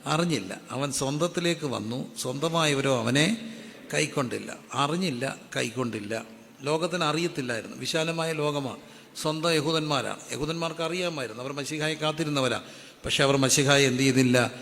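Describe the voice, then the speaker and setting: A man's voice: medium pitch, normal speed, vocal fry, a bit bright. Preaching man in an echoey hall. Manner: call-and-response preaching, asks the congregation to repeat verses aloud. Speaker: pastor. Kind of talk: sermon. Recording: echoey hall with faint ambient noise.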